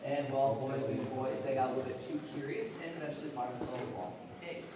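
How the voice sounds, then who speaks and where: A man's voice: steady tone, quick pace. Man guiding a tour with cave echo. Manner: playful, joking, addresses the group. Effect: cave echo, booming reverb of a large cavern. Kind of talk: guided tour talk with jokes. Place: inside a large show cave. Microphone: phone camera held by a visitor, away from the guide. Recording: echoey cavern, voice from far off, background noise.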